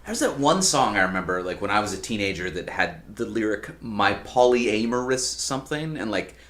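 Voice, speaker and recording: A man telling a short anecdote in an animated way during a casual podcast chat. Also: lowish voice, a little fast. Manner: animated storyteller. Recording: echoey room.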